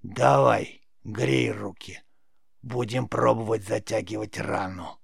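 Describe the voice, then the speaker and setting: A man putting on a creaky spiteful old witch. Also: on the low side, fairly even intonation, slow, no echo, heavily acted. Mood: grumbling. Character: old female forest witch, spiteful, cackling.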